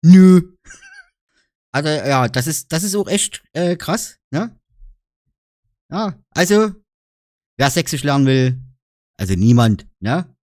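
A man's voice: on the high side, very animated, takes it slowly, pauses often, no echo, clean studio sound. A man with a Saxon German accent chatting casually in a vlog, joking around and explaining dialect words with frequent "ne?" tags. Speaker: YouTuber.

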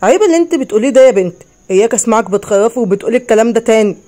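A harsh, scolding Egyptian mother, read by a woman narrator. Her voice is high and warm, but the words come out clipped and reproachful in a spoken horror tale. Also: animated, fairly quick. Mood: angry scolding. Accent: Egyptian Arabic. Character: harsh, weak-willed middle-aged mother.

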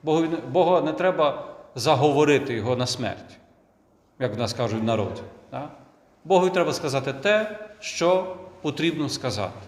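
Priest with an echoing church reverb. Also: male voice, a little high, expressive, a little fast. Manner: conversational, with rhetorical questions and restarts. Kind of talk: sermon. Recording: echoey church with long reverb.

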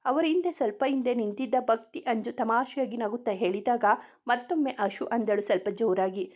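A woman's voice: on the high side, a little fast, dark tone. A woman reading a romance story aloud, narrating and speaking every character in the same voice.

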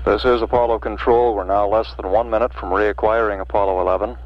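A man giving halting, unscripted spaceflight commentary as a mission control announcer, with a gravelly voice. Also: fairly low pitch, steady tone, dry recording. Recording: dull vintage mission broadcast audio.

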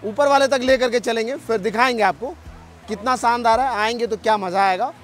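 A travel vlogger with a very high-pitched voice gives lively, brisk commentary on a forest trail by a waterfall, speaking directly to viewers and chatting with passers-by. A companion films him on camera while walking, and faint music plays in the background.

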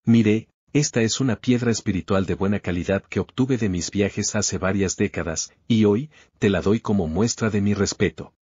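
A man voicing a fawning old merchant who flatters and giggles slyly. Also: on the low side, normal speed, few pauses, breathy edge, no echo. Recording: slightly dull lo-fi recording.

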